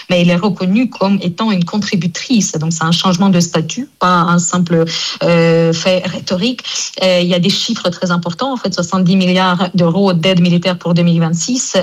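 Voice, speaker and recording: A woman from Ukraine, a guest on a panel discussion, talking earnestly with many hesitations and fillers. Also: on the low side. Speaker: guest commentator.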